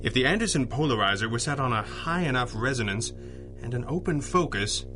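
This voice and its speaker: Forceful, articulate pulp hero, Red Panda. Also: male voice, mid-range voice, animated, soft background music. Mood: thoughtful, assured. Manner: measured, articulate, dry. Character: calm, brainy masked male crime-fighting hero, the boss. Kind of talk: 1930s-set pulp radio drama acting.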